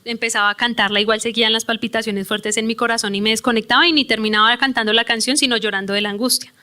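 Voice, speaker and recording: Woman pastor, slightly high voice, earnest testimony sermon in a church, reads scripture slowly. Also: fairly even intonation, bright, forceful tone. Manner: earnest, emotional storytelling, voices her own prayers.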